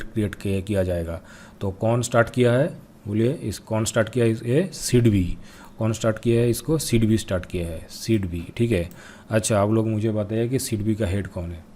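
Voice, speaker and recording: A young man teaching an exam-prep quiz lesson, repeating each answer and pressing viewers to comment quickly. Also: on the low side, dark tone, a little hiss or hum. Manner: reads English questions out slowly. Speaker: current affairs teacher.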